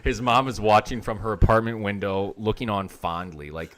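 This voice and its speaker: Young male co-host, very low voice, loose rambling chat delivery. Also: normal speed, fairly bright tone. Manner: rambling retelling full of "like". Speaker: podcast co-host. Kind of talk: casual chat reviewing a film.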